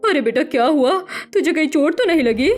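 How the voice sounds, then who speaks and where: A woman voicing an ailing older mother who pleads gently with her son in a cartoon story. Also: high-pitched, animated, brisk, over music. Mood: pleading. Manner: soft, pleading, worried.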